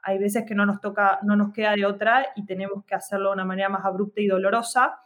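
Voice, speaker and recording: A woman's voice: mid-range voice, little pitch movement, quick pace, fairly bright tone. A woman, co-hosting a podcast in a casual, reflective chat full of fillers and tag questions. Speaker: podcast co-host.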